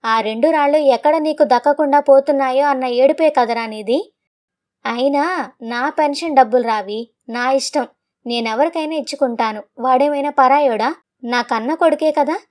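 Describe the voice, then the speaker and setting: Furious old father over seventy, proud and scolding, storybook tale, read by a woman, high voice. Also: moderate pace, close to an everyday voice. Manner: shouting, scolding.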